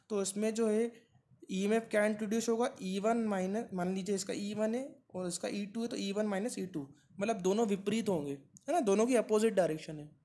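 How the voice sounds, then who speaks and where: A man's voice: sits high, darkish tone. A man teaching an exam-prep lesson, explaining step by step and answering his own questions, with frequent "right?" checks.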